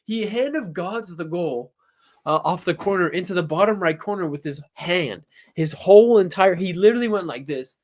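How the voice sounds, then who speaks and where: A young man in casual, excited talk about a football match, acting out his reactions and swearing freely. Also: high voice, normal speed, dry recording. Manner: animated, swears, acts out reactions.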